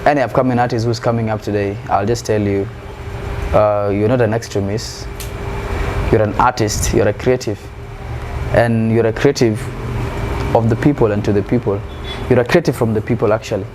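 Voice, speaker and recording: Speaking at a moderate pace in a voice on the low side, a South Sudanese musician guest responds to interview questions in an earnest, searching manner. He frequently repeats words while finding the right phrasing; steady background noise runs underneath.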